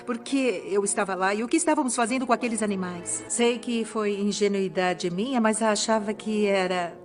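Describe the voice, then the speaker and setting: Woman, average pitch, former trainer, documentary interview recollection, clear background music. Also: moderate pace.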